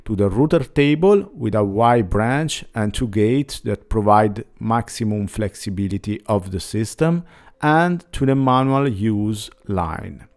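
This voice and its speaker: A forties-aged man hosting a woodworking channel reads a plain, scripted voice-over explaining a build, his phrasing slightly non-native. His voice sits on the low side, a bit mellow, at a measured pace, with faint music behind him.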